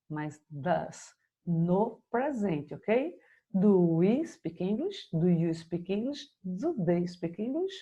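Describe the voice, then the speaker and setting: Slow, patient Brazilian woman teacher. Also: medium pitch, warm tone, slightly rough. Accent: Brazilian Portuguese. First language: Portuguese. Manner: slow, patient explaining, checks in with "ok?". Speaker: English teacher. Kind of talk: recorded grammar lesson.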